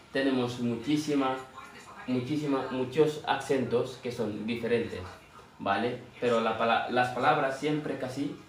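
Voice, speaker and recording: A man whose first language is Fula, teaching a language lesson slowly and checking in with "¿vale?" after nearly every point. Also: medium pitch, slight background noise. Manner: slow, repeats words and asks "¿vale?" often. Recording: very echoey room, mic at a distance, music behind. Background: background music.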